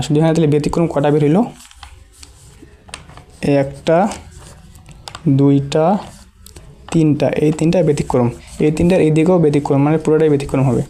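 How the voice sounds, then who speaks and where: Brief: patient language tutor, dark mellow tone, drills syllables over and over. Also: mid-range voice. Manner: slow, repeats each syllable several times while writing on a board. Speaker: Japanese language teacher. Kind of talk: patient step-by-step lesson.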